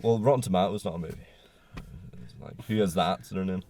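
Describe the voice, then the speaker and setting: Low-voiced joking man. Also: quick pace, vocal fry, warm tone, a little hiss or hum. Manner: jokey, full of fillers. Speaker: podcast co-host. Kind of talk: casual banter. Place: parked car.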